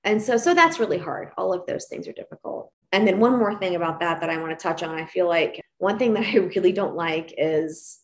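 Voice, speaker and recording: A woman's voice: lowish voice, lively intonation, brisk, hardly any pauses. A woman in her forties, a guest on an interview, speaking candidly and reflectively with frequent restarts and you-knows. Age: 40s. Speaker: guest, pediatric dentist.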